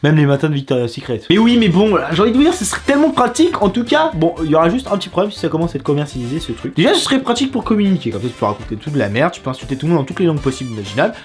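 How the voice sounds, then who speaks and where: Fast, excitable French-accented man. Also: fairly high pitch, faint music behind. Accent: France French. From France. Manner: excitable, crude and joking. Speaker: YouTube host. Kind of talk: casual reaction commentary.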